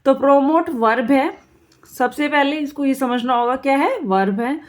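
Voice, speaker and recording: A woman's voice: high-pitched, measured pace. A woman teaching English vocabulary for exam prep, explaining in Hindi with English terms and drilling words by repeating them in pairs.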